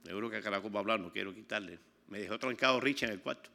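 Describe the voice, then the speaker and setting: Older man, Cuban accent, gravelly, bright forceful tone, lively sermon storytelling. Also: lowish voice, very fast. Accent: Cuban Spanish. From Cuba. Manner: animated storytelling, acts out quoted people. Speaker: preacher giving testimony. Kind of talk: sermon testimony.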